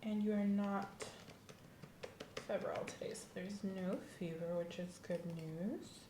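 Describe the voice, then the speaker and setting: A woman speaks unhurriedly in a warm, medium-pitched voice with fairly even intonation, close to how she normally sounds. In this ASMR medical roleplay she's a courteous, reassuring doctor doing a checkup, calmly and attentively asking methodical, polite, professional questions, recorded with roomy sound and faint background noise.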